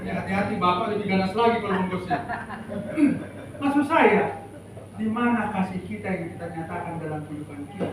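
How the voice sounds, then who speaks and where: A man's voice: high voice, a little fast, noisy background. A man preaching a sermon as pastor, emphatic and calling out to the congregation for replies. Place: church sanctuary. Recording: echoey church hall, mic far off.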